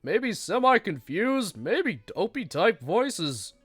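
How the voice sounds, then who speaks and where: His voice is high with a breathy edge and a slow pace as this man streams games and rambles casually in a self-deprecating way, stuffy-nosed with a lingering cough. He self-describes as monotone; the audio has no echo and faint background music.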